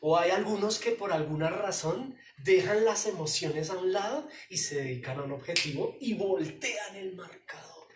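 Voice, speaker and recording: Pastor preaching in an echoey hall. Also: male voice, sits high, lively intonation, moderate pace, few pauses, distant mic, a little hiss or hum. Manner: emphatic, pleading, addresses listeners directly. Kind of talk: sermon. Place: church hall.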